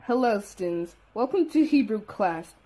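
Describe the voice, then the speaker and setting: A woman's voice: medium pitch, expressive, a little slow, dark tone, slight background noise, natural voice. A woman voicing a stern scolding cartoon grown-up. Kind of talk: animated grounded-video dialogue.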